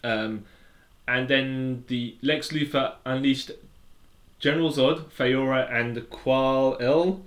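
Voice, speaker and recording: A man's voice: medium pitch, fairly even intonation, takes it slowly. Guy cohosting a chatty podcast, rambly, lots of um and restarts. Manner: rambling, explaining with many restarts and fillers. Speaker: podcast co-host. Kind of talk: casual chat.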